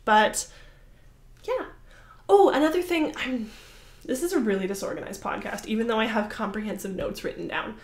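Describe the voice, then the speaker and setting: A young woman hosts a crafting podcast, chatting casually to the camera and rambling apologetically with plenty of fillers. Her voice is fairly high and animated, at a moderate pace, in a roomy, echoey space.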